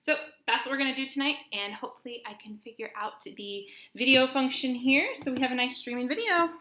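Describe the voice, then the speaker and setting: A young adult nutrition student films herself cooking dinner in her home kitchen, speaking in a high, sharp voice at a fairly quick pace. Her casual vlog mixes teaching with lots of fillers, and the kitchen sounds echoey with slight background noise.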